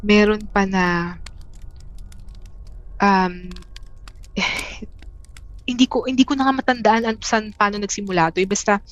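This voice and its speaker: A woman from the Philippines, a guest telling a personal story in a casual, halting way, with many restarts and fillers. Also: mid-range voice, a bit bright, lo-fi sound. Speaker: interview guest.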